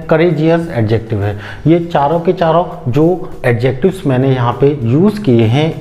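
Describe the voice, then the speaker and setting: A man teaches a grammar lesson at a measured pace. His voice sits slightly high but sounds warm and relaxed, and he keeps asking his class rhetorical questions. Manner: slow, step-by-step explanation with rhetorical questions. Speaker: English teacher. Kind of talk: explaining grammar on a whiteboard.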